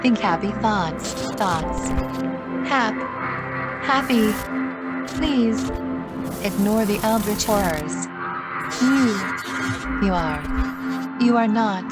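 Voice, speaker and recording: A synthetic female voice playing a gentle care robot that calmly welcomes guests to a wellness retreat, glitching and repeating its words. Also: mid-range voice. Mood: soothing glitchy. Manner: soothing, slow, repeats and stutters words. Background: loud music.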